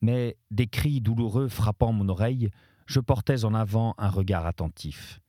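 A man reading a classic poem aloud for radio, measured and solemn. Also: fairly low pitch, dark tone, no room sound, studio quality. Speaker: reader. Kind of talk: audiobook-style literary reading.

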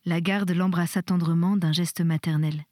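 A woman narrating a storybook with measured, expressive reading. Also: fairly low pitch, no echo, studio quality. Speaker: audiobook reader.

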